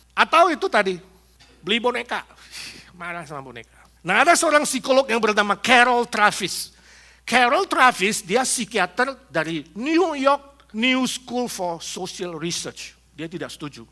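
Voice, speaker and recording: A male pastor from Indonesia preaching with a high, bright voice that swings widely in pitch. He jokes with the congregation and acts out quick scenes of people quarrelling. The delivery is a lively, playful church sermon. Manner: animated, humorous preaching with acted-out quotes. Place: church in Los Angeles.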